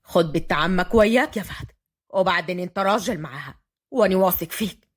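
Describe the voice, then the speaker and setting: An old Upper Egyptian grandfather rules his household in a deep, firm voice, as a woman narrator puts him on. He is strict and authoritative, speaking with an Upper Egyptian accent in an audio storybook. Every order comes out heavy and final. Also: quick pace, natural voice. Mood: stern. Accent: Upper Egyptian Arabic. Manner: stern and commanding.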